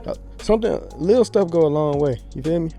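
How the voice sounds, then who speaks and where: A man chats as a podcast guest. He has a mellow, warm voice and a laid-back, slangy, rambling way of telling stories. Soft music plays faintly behind him. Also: on the high side, expressive, fast. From Pensacola, Florida. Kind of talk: casual podcast chat.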